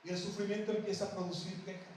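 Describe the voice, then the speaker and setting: High-voiced Mexican pastor in a booming hall. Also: male voice, level tone, fast talker, darkish tone, a little hiss or hum. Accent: Mexican Spanish. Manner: conversational, acts out quoted voices, rhetorical questions. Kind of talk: sermon. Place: church hall. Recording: very echoey hall, voice from far off.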